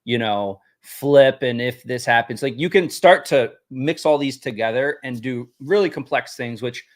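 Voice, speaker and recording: A man's voice: mid-range voice, moderate pace. A man hosting a casual live demo, rambling, repeating words and laughing easily. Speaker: host demoing a game tool.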